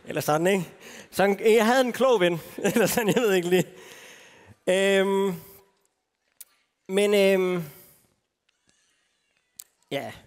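With long pauses, a Danish man delivers a sermon about his personal faith in a high, clear, resonant voice. Speaking informally from a festival stage, he mocks himself and uses lots of fillers, while a long hall reverb rings around him.

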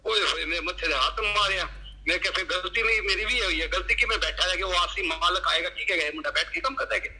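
A man's voice: high voice, fast, pushed and bright, husky, rough recording. A middle-aged man telling a devotional story from his own life to a congregation, acting out what he and others said. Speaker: devotee sharing a satsang experience.

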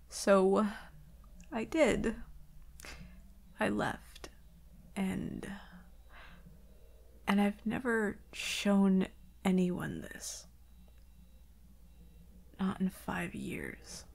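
In an intimate ASMR roleplay, a woman voices an anxious, vulnerable werewolf girlfriend in a full character voice at medium pitch. She sounds soft and hesitant, stammering and often slipping into breathy whispers.

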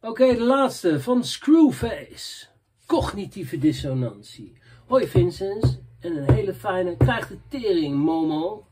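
A man's voice: high-pitched, a little mellow, slight background noise. A young man vlogging and answering viewer messages in loose, rambling casual chat, often dropping filler tags.

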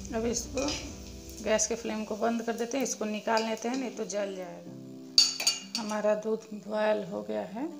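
Woman calmly explaining a recipe. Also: medium pitch, a little slow, gravelly. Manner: calm step-by-step explaining, addresses viewers as friends. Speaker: cooking channel host. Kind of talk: recipe voice-over narration. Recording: echoey room with music behind.

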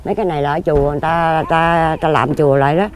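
This is a woman in her fifties, a lottery ticket seller with a Southern Vietnamese accent, interviewed casually outdoors among graves. Her voice sits low and keeps a steady tone while she speaks rapid-fire, plain-spoken and earnest, rambling on at length.

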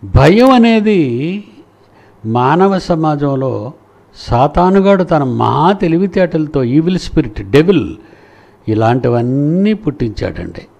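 A man's voice: on the high side, very animated, measured pace, gravelly, darkish tone. A man preaching a sermon, retelling nursery rhymes in a sing-song storytelling way.

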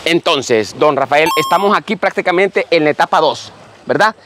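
A man, presenting a children's show outdoors in an animated, enthusiastic way and interviewing. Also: fairly high pitch, normal speed, noisy background. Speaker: host of a children's educational show. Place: outdoors on a rural hacienda.

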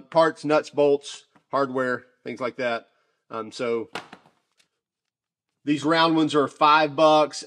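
A man casually reviewing shop tools off camera, talking in a chatty, relaxed way with many fillers and restarts. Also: medium pitch. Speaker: tool reviewer.

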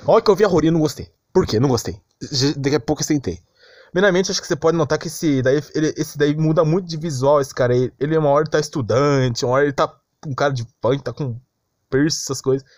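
A young Brazilian anime commentary vlogger rants casually and off the cuff, full of slang and exasperated complaining. His slightly high, somewhat mellow voice moves at a quick pace, captured in a dry, studio-quality recording.

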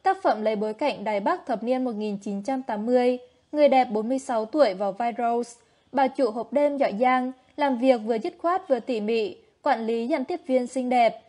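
A woman narrating scripted entertainment news in a steady, even read-aloud delivery. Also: fairly high pitch, moderate pace.

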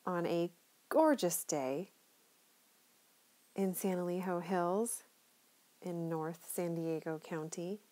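A woman's voice: on the low side, slow pace, long pauses, warm tone. A middle-aged woman chatting enthusiastically as she narrates a tour of her neighborhood from inside a moving car. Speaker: local real estate tour guide.

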